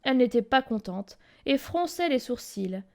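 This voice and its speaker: A woman reading a children's story aloud, in a lively, expressive way. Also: fairly high pitch, moderate pace, creaky.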